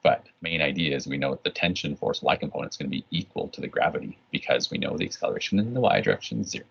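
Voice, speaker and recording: Very deep gravelly male physics teacher. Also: animated, very fast. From Canada. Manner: casual, rambling, lots of restarts and "right?". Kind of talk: recorded online lesson. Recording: dull lo-fi recording.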